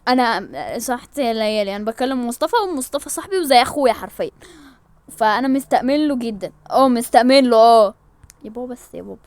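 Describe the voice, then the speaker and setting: A woman with an Egyptian accent telling a home-made role-play story, switching lively between emotional character voices. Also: on the high side, very fast, no echo. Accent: Egyptian Arabic. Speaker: storyteller voicing all characters.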